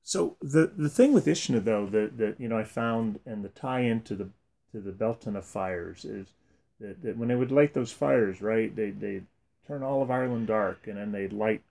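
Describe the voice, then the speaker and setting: A man with a fairly low voice hosts a conversational interview. His delivery is halting and informal, repeating words as he builds each question. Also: gravelly, dark tone. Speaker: interviewer, host.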